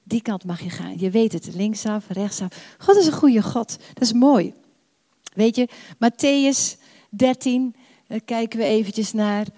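An older woman preaching a sermon, warm and emphatic, repeating phrases and drawing out her prayers. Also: a little high, unhurried. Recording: long hall reverb.

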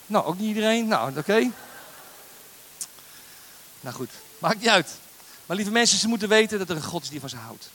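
A man preaching a lively sermon as a guest speaker, joking and getting the congregation to say lines along with him. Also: sits high, normal speed, long pauses, a little hiss or hum. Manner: animated, jokey, leads the crowd in call-and-response.

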